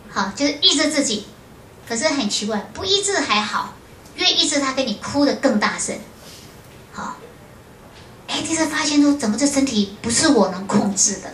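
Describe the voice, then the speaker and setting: Speaking to an audience at a foundation's lecture room, a Buddhist nun shares her memories as a storytelling lecture. Her fairly high voice comes with frequent lively fillers like "hao" and "ha," while the hall echoes and faint ambience lingers.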